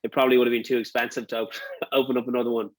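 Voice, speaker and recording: A man's voice: medium pitch, little pitch movement, racing, dry recording. Dry-sounding Dublin man chatting casually. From Dublin, Ireland. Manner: rambling, thinking aloud. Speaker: interview guest, restaurant owner. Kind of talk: casual conversational interview answers.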